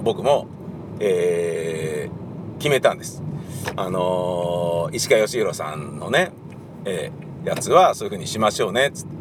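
Lively rambling man talking solo. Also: medium pitch, noisy background. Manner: rambling, animated, slips into quoted voices. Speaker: playwright and director. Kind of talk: casual solo monologue.

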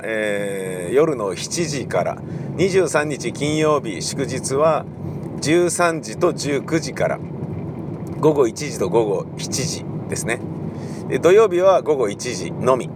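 A middle-aged man, a radio host and theatre director, talks casually while driving, rambling with many fillers in a polite explaining tone. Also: mid-range voice. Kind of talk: casual solo talk recorded while driving. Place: in a car in city traffic. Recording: car and street noise behind.

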